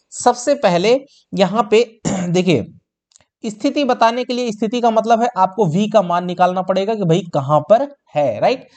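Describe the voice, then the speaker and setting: A man teaching a tenth-grade science exam lesson, calling his students children and answering his own questions as he works through each step. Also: sits high. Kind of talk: exam-prep board lesson.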